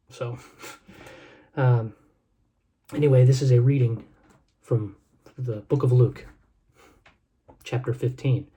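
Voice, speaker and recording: Video host guy talking like a sermon, super warm dark voice, slow and earnest. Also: mid-range voice. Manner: solemn, measured, heartfelt. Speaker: food review video host. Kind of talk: earnest sermon-like monologue with scripture reading.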